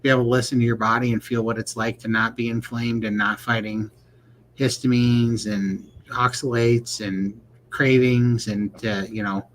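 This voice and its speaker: A man's voice: medium pitch, flat delivery, normal speed, a little hiss or hum. A man co-hosting a casual livestream chat, rambling and laughing often. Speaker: livestream co-host.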